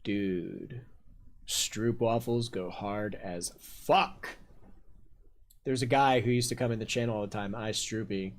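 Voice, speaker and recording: A man's voice: on the low side, slow. A man chats loosely while he plays a video game on stream. He rambles, jokes and swears freely into a desk mic at home. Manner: profane, joking, rambling. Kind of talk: casual game stream commentary.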